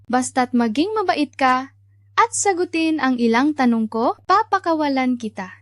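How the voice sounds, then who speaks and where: A scheming young woman captor, with a high, light voice. She speaks coolly and toys with her prisoner, keeping the menace quiet rather than loud. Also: expressive, normal speed, no echo. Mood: calm menace. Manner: cool, menacing, toying. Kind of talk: Tagalog drama dub.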